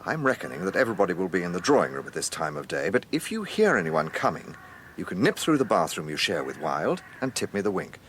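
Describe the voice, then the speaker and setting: An actor playing a shrewd, courteous British gentleman police inspector in a radio drama, measured and dryly authoritative. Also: low voice, sing-song, a little hiss or hum. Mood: wry.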